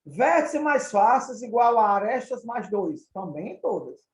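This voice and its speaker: A man's voice: sits high, animated, unhurried, echoey room, low-quality recording. A male math teacher with a Brazilian Portuguese accent, patiently repeating and counting through each example step by step. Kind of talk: recorded classroom lesson.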